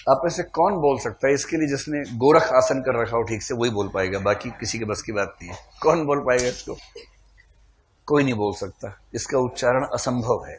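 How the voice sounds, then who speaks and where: A man's voice: medium pitch, moderate pace, slight background noise. A man teaching a classroom lecture, quizzing his students, calling for shows of hands and teasing them playfully.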